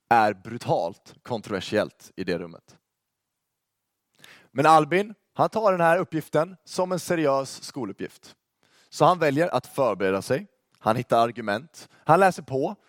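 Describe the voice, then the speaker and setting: A man's voice: medium pitch, no room sound. Young guy telling a story to a youth crowd, jokey, asks the room stuff, dry close sound. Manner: lively, joking, addresses the audience directly. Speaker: youth ministry speaker. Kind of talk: storytelling talk to a youth audience.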